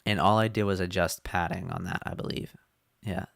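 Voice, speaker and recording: A man casually walks through his website design on a screen share, relaxed, with many fillers and restarts. His voice sits low and is a little hoarse because he is losing it, and he talks at a normal speed. The studio recording is clean with no echo.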